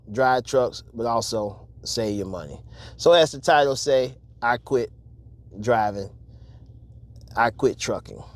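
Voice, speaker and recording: A man in his fifties, a truck driver and channel host, talking candidly to viewers in a casual advice vlog, repeating himself for emphasis with many pauses and fillers. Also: mid-range voice. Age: 50s.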